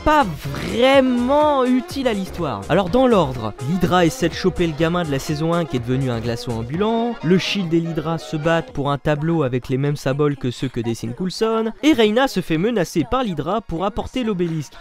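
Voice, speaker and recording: A man narrating a comic series recap in a jokey, slangy, animated way. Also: a little high, fairly quick, few pauses, faint music behind. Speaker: comedy recap host.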